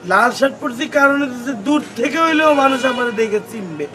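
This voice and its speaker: A man's voice: extremely high pitch, lively intonation, fast, rough recording. A man playing a boastful young male gatekeeper who keeps demanding respect in a comic drama. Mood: bragging. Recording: music playing under the voice.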